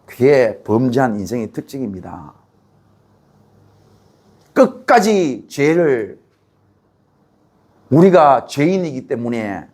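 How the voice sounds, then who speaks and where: A man preaching a sermon in a Gyeongsang Korean accent, swinging between loud outbursts and quiet, low passages. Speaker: pastor. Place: church sanctuary.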